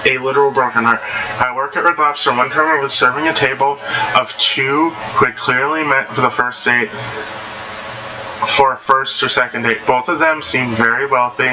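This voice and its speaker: A man of medium pitch and fairly even intonation reads internet stories at a moderate pace, and the recording sounds muffled. He's casual about it, stumbling at times and offering blunt, slang-heavy reactions amid noisy surroundings.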